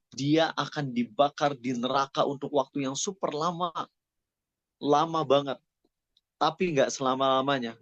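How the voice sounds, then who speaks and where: A male preacher delivers a relaxed, conversational sermon, addressing his listeners as friends and dropping in English phrases. His voice sits somewhat high. The recording is dry and dull, with a lo-fi edge. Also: no room sound. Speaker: Islamic preacher (ustaz). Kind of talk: casual sermon to a student audience.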